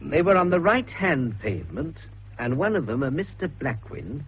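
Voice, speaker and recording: A British police superintendent in a radio play, harassed and exasperated, his voice swinging up and down as he reports briskly. The recording is dull, with faint noise. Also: on the high side, very animated. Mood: brisk, irritable. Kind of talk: radio drama acting.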